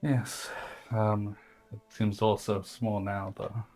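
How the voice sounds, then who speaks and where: A man's voice: lowish voice, little pitch movement, slow pace, warm tone, faint music behind. A man playing his character in a tabletop game, talking in a rambling, hesitant way with many fillers. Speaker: player. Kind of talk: in-character tabletop role-play.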